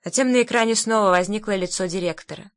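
A woman reading an audiobook in a calm, even narration. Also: medium pitch, fast, dry recording, studio quality.

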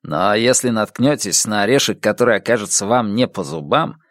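A man's voice: lowish voice, animated, normal speed, a bit bright, dry recording, clean studio sound. A man reading the part of a skeptical, insistent Russian astronomer who keeps pressing with questions, in an audiobook.

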